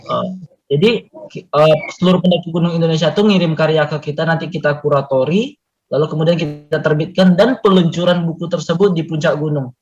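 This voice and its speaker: A man's voice: a little high, steady tone, brisk, a little mellow, husky. A man speaking earnestly and reflectively as a guest in an online community meeting, with frequent fillers, heard over a video call. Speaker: guest poet and mountain climber. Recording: muffled online call audio.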